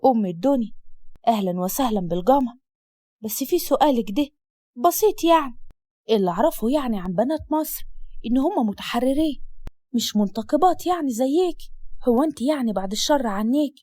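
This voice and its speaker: A woman's voice: fairly high pitch, lively intonation, quick pace, mellow, no echo. A woman voicing a talkative, teasing schoolgirl friend with an Upper Egyptian accent. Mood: chatty.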